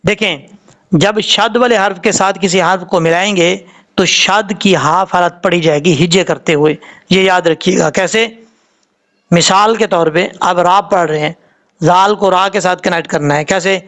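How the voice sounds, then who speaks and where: A man's voice: high-pitched, unhurried, fairly bright tone. A man with a Pakistani Urdu accent teaching Quran reading, patiently drawing out letter sounds to show how they are said.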